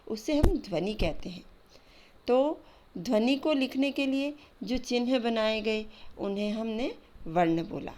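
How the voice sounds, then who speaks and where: A woman teaches a grammar lesson to young children at an unhurried pace. Her voice sits at a middle pitch, and she spells out letters and sounds one at a time with patient care. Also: darkish tone, a little hiss or hum. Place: voice-over for slides.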